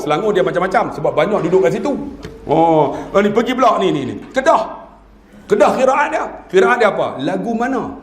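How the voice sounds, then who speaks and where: Male preacher in his 50s, northern Malaysian Malay accent, high voice, playful, keeps asking the crowd, echoey hall. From northern Peninsular Malaysia. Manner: jokey, quizzes the audience, mimics regional dialects. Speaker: religious lecturer. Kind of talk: humorous religious talk.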